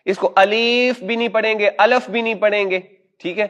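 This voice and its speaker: A man teaching Quran recitation in a class. He patiently demonstrates each letter sound slowly and has it repeated back. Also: sits high, fairly even intonation, fairly bright tone. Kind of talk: classroom instruction.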